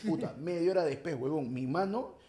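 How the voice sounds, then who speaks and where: This is a young man with a Peruvian accent, telling a story casually among friends. His voice sits high and swings widely as he acts out the scene. The room around him is noticeably echoey. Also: fairly quick. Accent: Peruvian Spanish. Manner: animated, slangy, acts out voices in his anecdotes.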